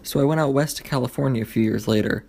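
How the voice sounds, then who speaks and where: A man's voice: medium pitch, quick pace, vocal fry, noisy background, lightly acted. A man narrating as a plain-spoken storyteller. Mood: reflective. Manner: plain, matter-of-fact storytelling. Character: man looking back on his life as narrator. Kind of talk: scripted narration.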